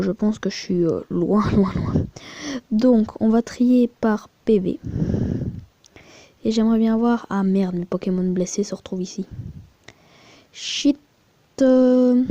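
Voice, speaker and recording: A woman's voice: medium pitch, dark tone, no echo, dull audio. A woman giving crude, rambling, chatty commentary while showing her mobile game, with muttered asides. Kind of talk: casual screen-recording commentary.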